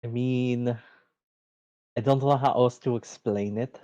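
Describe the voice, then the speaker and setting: A man's voice: mid-range voice, steady tone, slow pace, dark tone, clean tone. Man player drawling in character. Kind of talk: in-character tabletop play.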